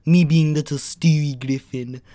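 A man voicing a haughty, scheming cartoon baby boy, talking loudly and imperiously. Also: a little high, steady tone, a little slow, dry recording, close to an everyday voice.

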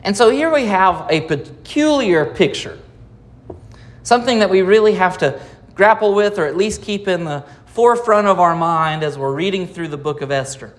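An American man, a pastor, preaching a sermon with dramatic pauses and rhetorical questions. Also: sits high, animated. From United States.

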